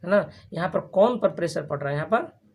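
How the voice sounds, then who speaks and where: A teacher giving a grammar lesson to a class, repeating each term and asking quick questions for the students to answer back. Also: medium pitch, expressive, darkish tone, a little hiss or hum. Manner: frequent restarts and checking questions. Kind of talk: classroom lesson with call-and-response.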